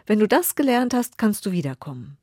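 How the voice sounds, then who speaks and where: A woman voicing a small, gentle angel who speaks softly and patiently. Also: mid-range voice, very animated, brisk, creaky, husky, no room sound, clean studio sound, pitched above the performer's own voice, exaggerated voice. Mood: gently firm. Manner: soft, patient, sometimes whispered.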